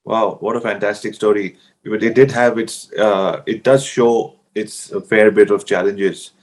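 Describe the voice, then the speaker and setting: A man's voice: lowish voice, fairly even intonation, a little slow. A man hosting a video call interview, upbeat and encouraging toward his guest. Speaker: host.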